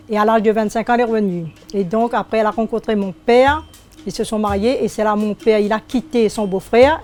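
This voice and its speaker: An older woman in her sixties from Réunion, speaking, recalling her life as a shopkeeper in an unhurried, hesitant way. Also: medium pitch, a little mellow. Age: 60s. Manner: unhurried, hesitant, searching for words. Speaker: shopkeeper interviewee. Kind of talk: oral history interview.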